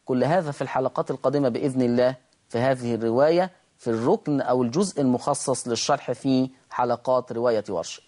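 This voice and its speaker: A middle-aged man with an Egyptian accent teaching a televised Quran recitation lesson. He explains quickly in a mix of dialect and formal Arabic, then slowly chants the example words. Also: mid-range voice, a little mellow.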